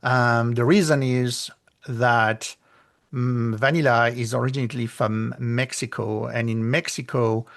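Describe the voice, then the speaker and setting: Here a mid-range voice with some vocal fry belongs to a middle-aged man from France, speaking with a French accent. As the guest author in a casual interview, he leans on fillers and frequent pauses, perking up when he replays past exchanges.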